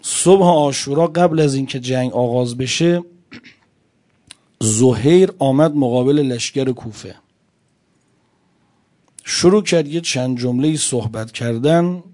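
A male preacher delivers a religious sermon, narrating a story and addressing his listeners directly. His medium-pitched voice swings between loud, emphatic lines and quiet ones, with frequent pauses.

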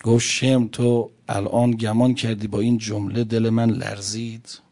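A male preacher giving a religious sermon, telling a story and speaking straight to his listeners, moving between loud emphatic lines and quiet ones. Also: fairly low pitch, flat delivery.

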